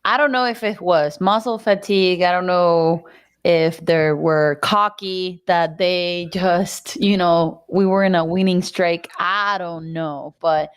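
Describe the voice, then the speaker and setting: A woman's voice: lowish voice, slow pace, smooth, no echo. A woman co-hosting a soccer fan show, talking casually, thinking aloud and unsure, often restarting her sentences. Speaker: podcast co-host. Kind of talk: casual sports talk.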